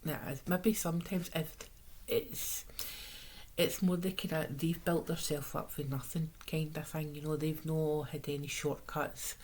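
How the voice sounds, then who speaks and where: A Scottish woman with a hoarse, sore-throat voice, chatting casually through a tarot reading in a rambling, conversational way. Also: low voice, flat delivery, measured pace, darkish tone, low-quality recording.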